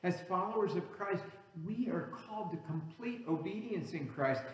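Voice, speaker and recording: A man's voice: high voice, animated, moderate pace. A male pastor, English as his second language, preaching an earnest sermon that builds emphasis on key words. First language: not English. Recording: echoey hall, reverberant room.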